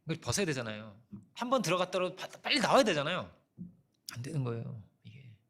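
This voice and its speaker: A man's voice: a little high, big pitch swings, quick pace, gravelly, sharp tone. A middle-aged male pastor giving a conversational sermon with personal stories and rhetorical questions. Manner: conversational preaching with frequent rhetorical "어?"; storytelling with personal anecdotes.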